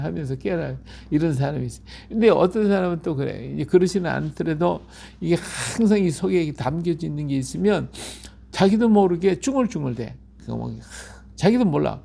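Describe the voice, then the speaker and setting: A middle-aged man preaching a Bible-reading sermon with a gravelly, fry-heavy voice that sits a little high for a man. He talks emphatically, repeats himself and keeps checking that his listeners agree. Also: dark tone. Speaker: pastor.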